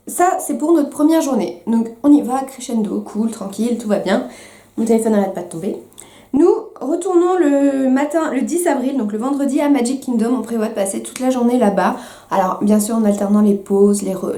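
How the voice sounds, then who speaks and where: A young woman chatting to camera as a vlogger, with many fillers and quick self-corrections. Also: fairly high pitch, dark tone, reverberant. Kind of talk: casual chat to camera.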